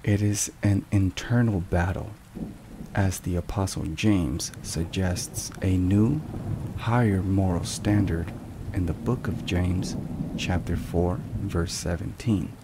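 Rain and thunder play clearly in the background as a man with a deep voice delivers slow, carefully measured ASMR narration in a grave, scripted manner. There is also general background noise.

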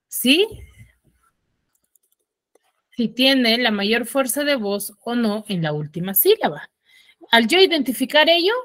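Brief: schoolteacher on a video call, bright raised voice, dry close sound, keeps quizzing. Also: female voice, a little high, no echo. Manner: drills students with repeated questions. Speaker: teacher. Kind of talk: online class teaching.

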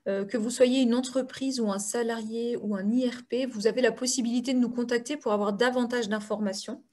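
A woman's voice: a little high, fairly even intonation, brisk, darkish tone. A woman giving an explanatory presentation remotely over a call connection. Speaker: remote conference speaker.

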